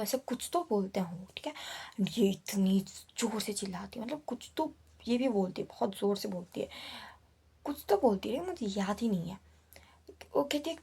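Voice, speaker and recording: A woman's voice: medium pitch, vocal fry, warm tone, breathy edge. A young woman casually telling a true horror story at home, dropping into whispers at the scary parts. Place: home, indoors.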